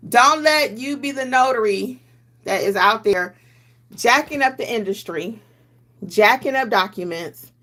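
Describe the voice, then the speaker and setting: A woman's voice: on the high side, expressive, unhurried, bright, forceful tone. A middle-aged woman hosting a casual livestream, chatting emphatically and colloquially as she answers viewer comments about notary work.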